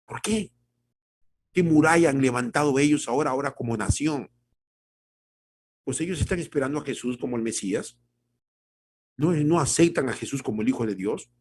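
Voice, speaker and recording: A male pastor preaching a devotional sermon. He calls his listeners brothers, repeats phrases for emphasis and moves between loud exhortation and quiet, low remarks. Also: normal speed, pauses often, slight background noise. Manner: swings from loud exhortation to soft, low delivery.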